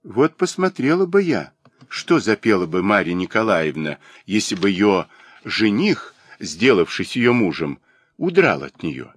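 A man's voice: fairly low pitch, big pitch swings, unhurried, no echo. A man reading as a devoted, jealous young peasant woman. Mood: pleading. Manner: reproachful, emotional pleading.

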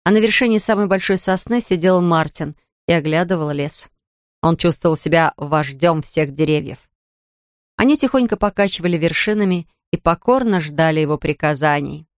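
A woman reading a children's storybook aloud in a calm, even manner. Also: low voice, normal speed, clear, resonant tone, no echo, studio quality. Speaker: narrator.

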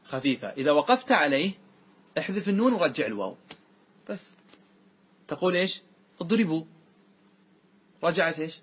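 A man teaching a grammar lesson to a class, quizzing students with quick questions and reciting verses slowly and drawn-out. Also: fairly high pitch, big pitch swings, husky.

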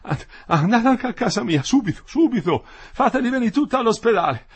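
A man's voice: sits high, big pitch swings, normal speed, pushed and bright, slightly rough, pitched above the performer's own voice, exaggerated voice. A man reading the part of an older builder, wry and teasing, who later gasps in pain and slips into delirium. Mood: gasping. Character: old weary Florentine builder, dying after a fall.

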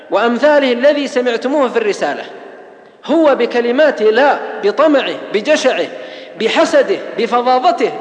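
A man preaching a religious lecture at a fast clip, his voice pitched high for a man. He drives his points home with oaths and piled-up lists, and the sound rings out in a large hall with a long, roomy reverb. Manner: emphatic, oath-laden preaching with rhetorical lists.

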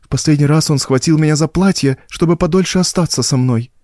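Storybook: nervous young girl voiced by a male reader, pleading, higher voice. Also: fairly quick, warm tone, dry recording, clean studio sound, lightly acted. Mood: frightened. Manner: anxious, pleading. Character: frightened young woman, a ward.

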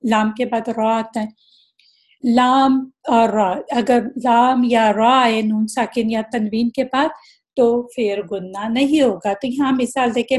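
A woman teaching a recitation lesson, patiently explaining rules and demonstrating examples slowly. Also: fairly high pitch, darkish tone. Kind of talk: tajweed lesson.

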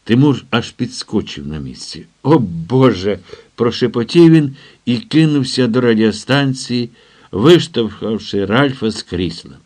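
A man narrating an audiobook in a measured, steady scripted reading. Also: medium pitch.

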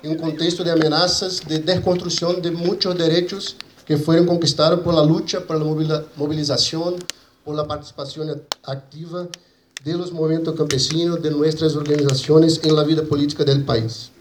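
A man with a Brazilian Portuguese accent and native Portuguese gives a conference presentation in a halting mix of Spanish and Portuguese, repeating and rebuilding his words. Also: a little high, flat delivery. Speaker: conference speaker for an agroecology movement. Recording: roomy echo, faint background noise.

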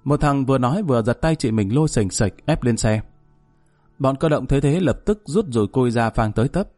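Brief: male storyteller, mid pitch, casual and wry, dry close sound. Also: expressive, brisk, darkish tone, no room sound. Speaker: narrator. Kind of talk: first-person story narration. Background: faint music.

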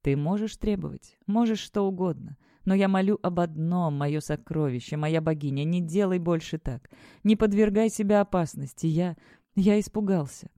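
The narrator voicing a devoted, protective man, tender and urgent, in a mellow, dry read. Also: mid-range voice, moderate pace, no echo, natural voice.

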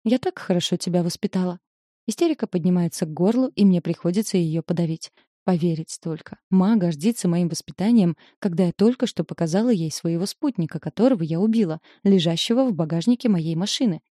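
A woman's voice: lowish voice, brisk, mellow, no room sound, studio quality. A woman reading a novel aloud in the first person, telling a tense, confessional story. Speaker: audiobook narrator.

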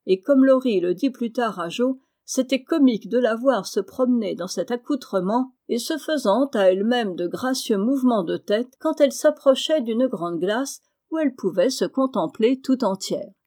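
A woman narrating a classic novel as an audiobook reader, calm and measured. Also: medium pitch. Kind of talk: scripted narration.

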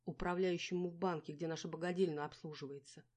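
Woman voicing a shrill young woman in debt, snappy, irritable, high and loud, storybook. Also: fairly even intonation, fast talker, close to an everyday voice. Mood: snappy, grumbling. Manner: snappy, exasperated arguing. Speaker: character in an audiobook.

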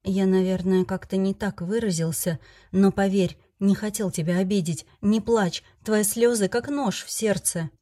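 A woman voicing a calm male dragon lord who speaks low and muffled, apologizing. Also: normal speed, close to an everyday voice. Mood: hushed.

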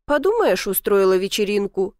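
A woman's voice: medium pitch, very animated, moderate pace, a little mellow, no room sound, studio quality, natural voice. A woman voicing a teasing, doting old village grandmother who talks in a folksy, sly way.

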